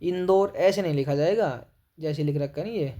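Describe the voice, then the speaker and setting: A young man teaching a Hindi spelling lesson for exam students, spelling each word syllable by syllable and repeating a quick "okay" after every answer. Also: fairly high pitch, warm tone. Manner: spells words syllable by syllable, repeats "ठीक है", calls students "भाई".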